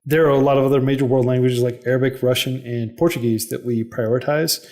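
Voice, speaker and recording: This interview guest, a native English speaker leading a coding non-profit, talks fast in a mid-range, dark-toned voice with fairly even intonation. Chatty and explanatory on a casual podcast, he leans heavily on "like" and "you know".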